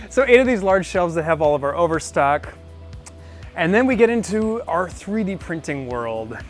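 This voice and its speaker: A man with a somewhat high voice narrates a casual vlog tour of his small business. He talks informally and thinks aloud, poking a little fun at himself. Faint music runs behind his voice. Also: fairly bright tone. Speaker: business owner giving a shop tour. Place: indoors, small business office and print shop.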